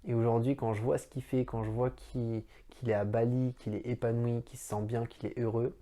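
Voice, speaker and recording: A man's voice: mid-range voice, little pitch movement, a little fast, dark tone. A man answering his viewers' questions in a casual chat to camera, friendly and rambling, speaking straight to the viewer. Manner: chatty, rambling asides.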